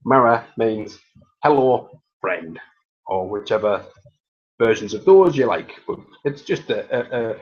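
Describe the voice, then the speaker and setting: A man with a Mackem accent talks loosely on a live stream, stumbling through restarts and amusing himself as he goes. His voice sits at an ordinary pitch. The audio is muffled and lo-fi. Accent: Mackem (Sunderland). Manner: rambling, self-amused, many fillers and restarts. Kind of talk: casual live-stream chat.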